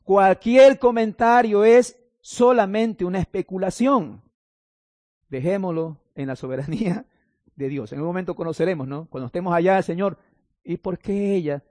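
High-voiced male pastor preaching. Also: normal speed, a little mellow, dry recording, studio quality. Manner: reads scripture then explains it, with playful asides to the congregation. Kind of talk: sermon.

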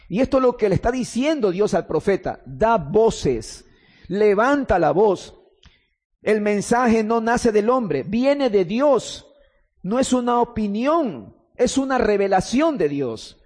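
High-voiced husky man preaching in a church. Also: darkish tone. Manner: earnest, emphatic preaching with repeated phrases and restarts. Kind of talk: sermon. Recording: long hall reverb.

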